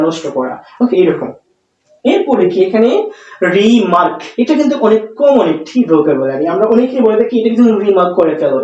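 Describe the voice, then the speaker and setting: A teacher walks learners through a vocabulary lesson, explaining slowly and repeating each word. The voice is mellow and rises and falls a lot. It is heard from a distance in a strongly echoing room. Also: medium pitch, highs cut off. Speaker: English teacher. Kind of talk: spoken English lesson. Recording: echoey room, far from mic.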